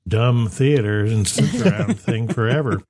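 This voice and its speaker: A man's voice: medium pitch, animated, a little slow, a little mellow. A man in his fifties, chatting casually and reminiscing as a podcast co-host. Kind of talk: casual chat.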